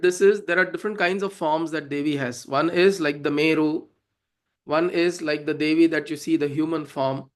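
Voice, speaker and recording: A man with a South Indian accent explaining devotional verses as a teacher, in an informal, didactic way with frequent check-in questions. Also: fairly high pitch. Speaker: teacher of Sanskrit devotional hymns.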